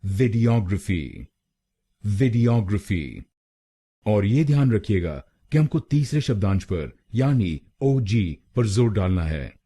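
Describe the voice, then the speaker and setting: A man with an Indian accent teaches pronunciation at an unhurried pace, drilling each syllable with care. His voice sits fairly low, with a mellow, slightly husky tone. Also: expressive. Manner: slow, deliberate syllable-by-syllable drilling. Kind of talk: scripted pronunciation lesson.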